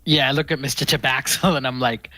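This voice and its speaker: A man playing a tabletop game, speaking slowly and playfully. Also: mid-range voice, fairly even intonation, bright, forceful tone, no echo. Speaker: player. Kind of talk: casual tabletop play.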